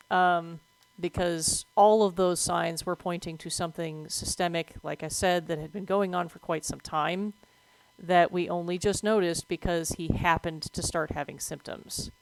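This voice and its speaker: Woman, lowish voice, dry close sound, blunt and profane, casual stream talk. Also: clean tone, no echo, low-quality recording. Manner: blunt, swears freely; animated, breaks off to react to the game. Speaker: streamer with veterinary work experience. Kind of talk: casual explanation while playing a game.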